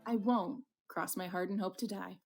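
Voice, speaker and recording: A woman's voice: mid-range voice, fairly even intonation, moderate pace, gravelly, darkish tone, faint music behind. A woman voicing a wounded, lovestruck man with playful bravado in a dramatic visual novel reading.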